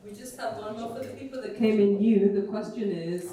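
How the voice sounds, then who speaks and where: A woman's voice: medium pitch, a little fast, dark tone. A woman facilitating a conference workshop, chatty and informal as she coaxes people to share. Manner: informal, chatty, coaxing the room. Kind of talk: facilitating a group session. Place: conference hall. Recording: echoey hall, far from mic, crowd behind.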